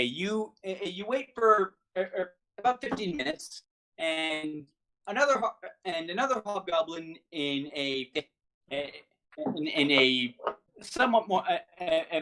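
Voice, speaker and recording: Halting, stammering game master. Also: mid-range voice, a bit bright. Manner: halting, stammering, repeats words. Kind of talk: improvised narration of a tabletop game.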